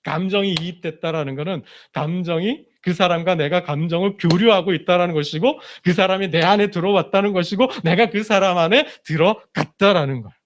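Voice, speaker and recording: A male pastor preaching in a church, with a high-pitched voice. He talks to the congregation in a conversational way and keeps asking them rhetorical questions. At emotional moments his voice sinks low and soft. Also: fairly quick, few pauses, a little hiss or hum. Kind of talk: sermon. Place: church sanctuary.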